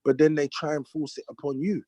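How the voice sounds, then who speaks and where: A man's voice: a little high, flat delivery, fairly quick, dark tone, no room sound. A man hosting a heated discussion, earnest and stumbling over restarts as he argues. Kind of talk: heated debate.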